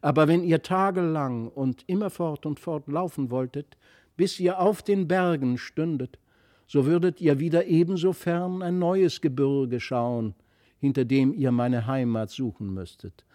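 A man reading the lines of a mysterious fairy child in a fairy-tale audiobook, softly earnest and wistful. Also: on the high side, unhurried, no room sound, clean studio sound, pitched above the performer's own voice, lightly acted. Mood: gentle.

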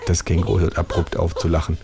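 A man's voice: low-pitched, level tone, quick pace, vocal fry, a loud crowd. A man narrating a first-person story in a dry, understated way.

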